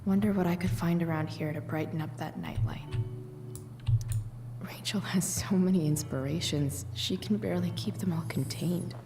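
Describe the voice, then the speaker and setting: A woman's voice: fairly low pitch, normal speed, lightly acted. A woman playing a guarded, rebellious teenage girl musing to herself in a video game, dry and understated. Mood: wry, musing. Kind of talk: video game character's inner monologue. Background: game music.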